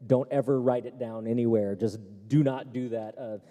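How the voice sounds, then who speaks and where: A man's voice: medium pitch, steady tone, normal speed, mellow, muffled recording. A man answering tech questions at a seminar, talking casually with many fillers and restarts. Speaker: tech expert panelist. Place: seminar hall. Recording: echoey hall.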